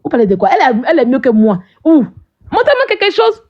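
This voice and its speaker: A woman's voice: on the high side, lively intonation, rapid-fire, lo-fi sound. A woman hosting a live stream, ranting at her viewers in a combative, mocking way and often asking "hein?".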